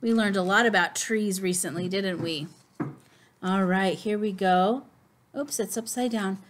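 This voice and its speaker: A woman teaching preschoolers as host of a children's lesson, speaking slowly with exaggerated, cartoonish sing-song intonation. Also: mid-range voice, slight background noise. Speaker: preschool teacher hosting circle time.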